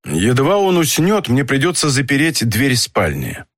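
Man reading a stern authoritative inspector, measured delivery, dry sound. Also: medium pitch, huge pitch swings, a bit bright, no echo, full character voice. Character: middle-aged male police inspector, stern.

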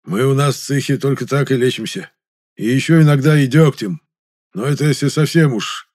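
Man doing a hoarse, grumbling injured workman. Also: mid-range voice, fairly quick, darkish tone, pitched above the performer's own voice, lightly acted. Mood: complaining. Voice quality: hoarse, wheezing.

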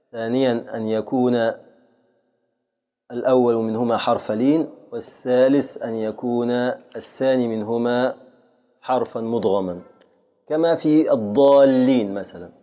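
A man with an Egyptian accent, a sheikh giving a classroom lecture on grammar and patiently repeating each example slowly. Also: mid-range voice, steady tone, mellow. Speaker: sheikh teaching a grammar text.

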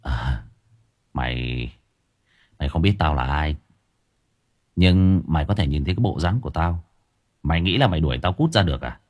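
A man's voice: deep voice, lively intonation, normal speed, long pauses, husky, dull audio. A man voicing a cold, cocky male exorcist master who taunts and commands in an audio storybook. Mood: taunting.

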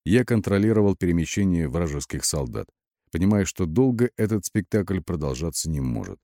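Brief: male narrator, low and dark, lively swings in the reading, dry close sound. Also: a little fast, no echo. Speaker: audiobook narrator. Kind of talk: dramatic audiobook reading.

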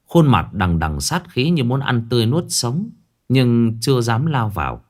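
A man, narrating a ghost story in a dramatic, expressive manner. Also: medium pitch, normal speed.

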